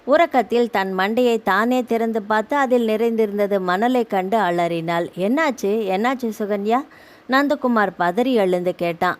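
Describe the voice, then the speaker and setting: Woman narrating a novel. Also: medium pitch. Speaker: audiobook narrator.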